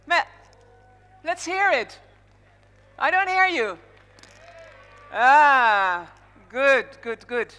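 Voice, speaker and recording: Soft music plays behind a high, bright, forceful voice that is very animated yet very slow, with long pauses. A Dutch woman with a Dutch accent is informally hosting a live conference opening on the stage of a large indoor hall, and the PA adds echoey reverb.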